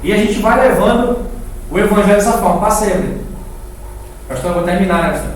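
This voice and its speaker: In a live church class held in an echoey indoor room, a Brazilian man with a high voice teaches quickly and informally, emphasizing points by repeating words and often questioning his audience. The audio is very echoey and distant with faint noise.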